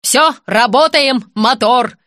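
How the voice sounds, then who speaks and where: A woman's voice: fairly high pitch, slow, fairly bright tone, dry recording, clean studio sound. Woman reading a bossy gushing TV director. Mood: bustling. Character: brisk fussy female TV director, middle-aged.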